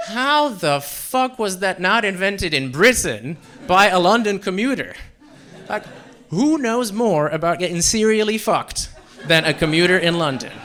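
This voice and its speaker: A young man from Central Europe performing a self-deprecating stand-up set on a comedy club stage, with deadpan delivery and frequent fillers. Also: a little high. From Czech Republic and Slovakia.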